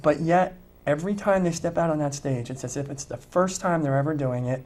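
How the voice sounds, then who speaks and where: A man who plays in a tribute band, an adult with children of his own, talks earnestly and reflectively in an interview conversation. His voice is fairly high-pitched and a little mellow, and he speaks briskly.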